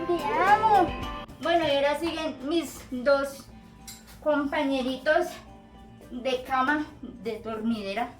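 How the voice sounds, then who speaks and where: Woman vlogger, very high cooing voice, slow unhurried speech, affectionate baby talk to pets. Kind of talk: casual home vlog. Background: loud background music.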